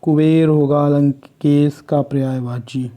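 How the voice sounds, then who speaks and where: A man from Uttarakhand reading Hindi exam quiz questions and their answers in a slow, measured way, like reading off a list. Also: a little high, fairly even intonation, warm tone. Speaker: exam prep teacher.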